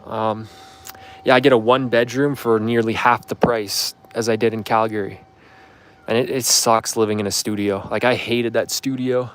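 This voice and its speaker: This Canadian livestreamer in his twenties has a lowish, fairly bright voice with little pitch movement, talking at normal speed. He chats casually and fields viewer questions in a meandering, filler-heavy way.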